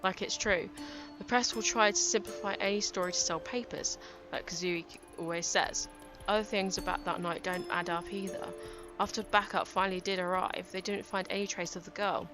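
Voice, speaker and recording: A woman's voice: on the low side, steady tone, close to an everyday voice. Woman reading as a grieving young detective. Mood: somber. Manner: somber inner monologue, read aloud haltingly. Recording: game music behind.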